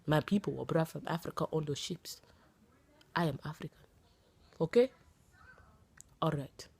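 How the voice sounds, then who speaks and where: A woman's voice: deep voice, normal speed, creaky, a little mellow, breathy edge. A playful, dramatic woman from the United States in her thirties chatting casually in her vlog. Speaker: vlogger.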